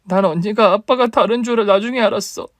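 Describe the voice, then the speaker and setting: A man's voice: sits high, fast talker, fairly bright tone, no echo, voice pushed up. A man voicing a hurt young woman, the younger sister and a new mother, in a radio drama reading, talking with earnest, wounded questions.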